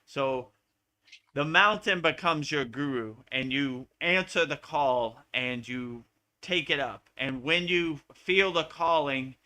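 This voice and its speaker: Man, American, spiritual teacher, live Q&A, earnest, repetitive, bright tone. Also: fairly high pitch, slow pace. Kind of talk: live Q&A satsang talk.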